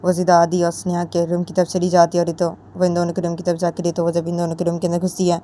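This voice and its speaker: A woman's voice: fairly low pitch, completely flat delivery, fast talker, dark tone, slight background noise. A woman narrating a romantic story in a plain, repetitive storytelling manner.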